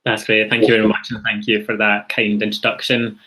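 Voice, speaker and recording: A man's voice: lowish voice, monotone, brisk, sharp tone. Young man with a broad Scottish accent. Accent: strong Scottish. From Scotland. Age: young adult. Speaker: university international officer giving a presentation. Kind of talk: informal online presentation. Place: indoor room on a video call.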